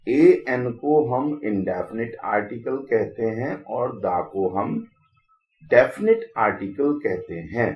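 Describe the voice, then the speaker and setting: A man's voice: medium pitch, sing-song, slow, reverberant, highs cut off. A man teaching English grammar in Hindi, explaining patiently and asking rhetorical questions. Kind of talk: Hindi classroom-style lesson.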